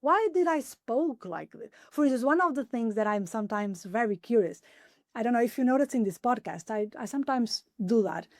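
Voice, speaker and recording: A woman in her forties, a podcast guest, talking enthusiastically in a conversational interview, her voice climbing higher whenever she gets excited. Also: a little fast, no room sound, clean studio sound. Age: 40s. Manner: enthusiastic, pitch jumps up when excited; animated, acts out her own inner questions. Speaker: podcast guest, applied philosopher.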